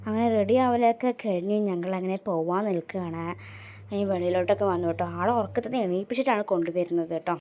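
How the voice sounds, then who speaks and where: A woman's voice: mid-range voice, fast talker, warm tone. A young woman with a Keralan accent, narrating her family vlog in a chatty way, dotted with little tag words. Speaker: vlogger and mother.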